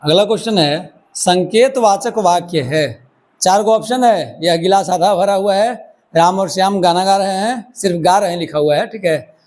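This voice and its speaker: Man, grammar teacher, high voice, chatty, keeps checking in. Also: normal speed, darkish tone. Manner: conversational, checks in with listeners often. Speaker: exam prep teacher. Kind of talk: Hindi grammar lesson. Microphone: microphone.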